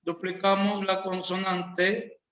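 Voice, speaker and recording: A man with as his teaches a grammar lesson, drawing out each word and repeating examples. His voice sits high and sounds bright. He speaks very slowly in a roomy, echoing space. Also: completely flat delivery, slight background noise. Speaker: English teacher. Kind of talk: slow classroom grammar lesson.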